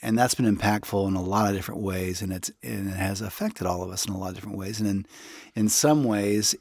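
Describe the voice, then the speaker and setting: A man's voice: on the low side, fast, darkish tone, no echo, clean studio sound. A man co-hosting a casual podcast, rambling a little with restarts, his voice throaty from allergies. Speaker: podcast co-host.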